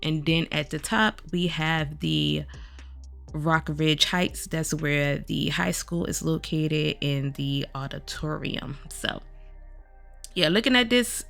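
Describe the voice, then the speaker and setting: Chatty woman gaming vlogger, groggy morning rasp, faint music bed. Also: deep voice, takes it slowly, fairly bright tone. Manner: chatty, addresses viewers directly as "y'all". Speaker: gaming video creator. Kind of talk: casual game overview vlog.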